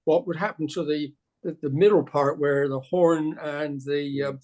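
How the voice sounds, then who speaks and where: West Country Englishman, slightly high voice. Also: fairly even intonation, moderate pace, a little mellow. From Bristol, England. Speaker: audience member asking questions. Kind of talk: casual online Q&A chat.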